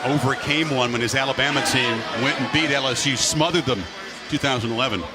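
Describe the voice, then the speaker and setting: A man's voice: mid-range voice, fairly quick. A man giving live TV sports commentary in dramatic, punchy short phrases. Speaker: TV play-by-play announcer. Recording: loud stadium crowd and music behind. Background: stadium crowd and music.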